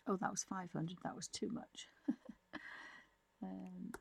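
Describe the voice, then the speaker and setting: In a lowish, gravelly voice with a breathy edge, the presenter delivers her unscripted digital art tutorial slowly and flatly, thinking aloud as she draws.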